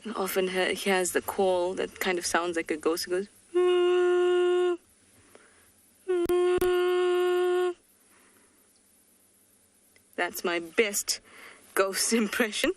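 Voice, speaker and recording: A woman's voice: lowish voice, steady tone, moderate pace. A woman guiding a live safari outdoors, chatty and playful as she describes birds. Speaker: safari guide. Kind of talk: live wildlife commentary. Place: outdoors in the bush.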